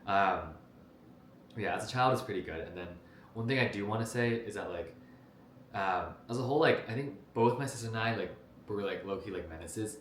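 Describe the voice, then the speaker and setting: Young guy from jersey just yapping to the camera, low voice, um and like everywhere, kinda echoey room. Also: a little fast, fairly bright tone, slight background noise. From New Jersey, United States. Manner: rambling, lots of "like" and "um", restarts. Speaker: vlogger. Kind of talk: casual talk to camera about his life. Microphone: camera mic.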